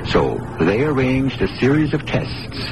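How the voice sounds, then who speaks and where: A man doing scripted radio narration and announcing in a polished, deliberate manner. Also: mid-range voice, very animated, background noise. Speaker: host and commercial announcer.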